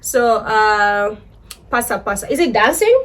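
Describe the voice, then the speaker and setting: A woman from Uganda with a Ugandan accent, a vlogger chatting casually while learning new phrases, excitable and often laughing and exclaiming. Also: on the high side, a little slow, distant mic. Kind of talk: casual chat.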